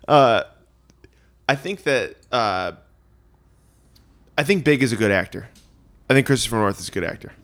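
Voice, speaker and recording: A man's voice: mid-range voice, lively intonation, moderate pace, long pauses, a bit bright. A man co-hosting a podcast in casual chat, rambling as he retells scenes with fillers. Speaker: podcast co-host.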